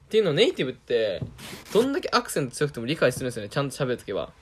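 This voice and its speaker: A man's voice: mid-range voice, huge pitch swings, racing, a little hiss or hum. A young man with a Kansai Japanese accent, talking in a casual, self-deprecating monologue and laughing often.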